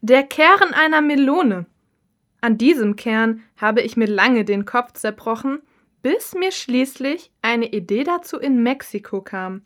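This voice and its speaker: Calm, slow-speaking woman reading an interview. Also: on the high side. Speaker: interviewee, cookbook author. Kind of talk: scripted listening-test dialogue.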